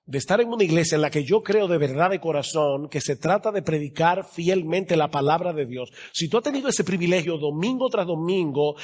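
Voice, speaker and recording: A man with a notably high voice delivers a sermon from the pulpit. He preaches emphatically, drawing out and raising key phrases to drive them home. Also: a little mellow. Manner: emphatic preaching, slowing and swelling for stress. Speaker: pastor.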